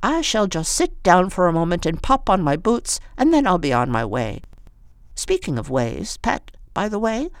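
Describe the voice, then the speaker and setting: A reader voicing an eccentric, cheerful, bossy very old woman in a high, fussing storybook voice. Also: sing-song, normal speed, clean tone, dry recording, clean studio sound. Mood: chirpy.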